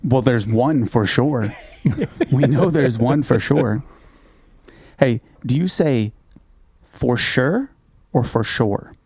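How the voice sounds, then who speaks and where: Man in his 30s, gravelly, easygoing podcast co-host, dry close mic. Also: medium pitch, expressive, slow, long pauses, warm tone, no room sound. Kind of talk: casual chat.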